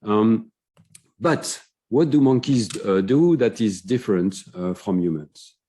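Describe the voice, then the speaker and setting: A middle-aged man giving a conference lecture, explaining research findings with frequent "uh" fillers and clear enthusiasm. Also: fairly low pitch, expressive, slow, warm tone.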